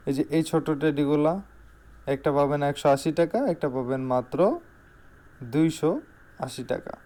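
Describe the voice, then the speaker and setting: The speaker, a Bangladeshi-accented shop salesman, showcases products informally in voice-over and repeats key phrases for emphasis. He has a mellow voice on the high side.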